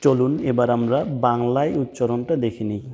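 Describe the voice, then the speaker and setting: A man with a Bangladeshi Bengali accent giving a pronunciation lesson, explaining slowly and drawing out chanted words. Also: medium pitch, fairly even intonation, warm tone, long reverb tail. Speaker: Quran recitation teacher. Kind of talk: pronunciation lesson with slow drawn-out recitation.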